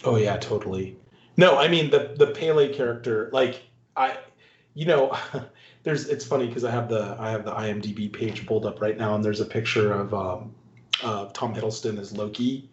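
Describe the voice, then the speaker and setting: A man's voice: fairly low pitch, moderate pace. A man hosting a podcast in casual movie talk, rambling and restarting, often laughing. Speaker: podcast host. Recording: roomy, dull recording.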